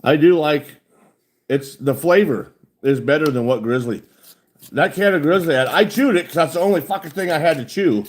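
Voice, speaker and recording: A man's voice: fairly high pitch, normal speed. A man, chatting bluntly and profanely with a lip full of chewing tobacco. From United States. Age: 40s. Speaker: livestreamer chatting with viewers. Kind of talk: casual chat.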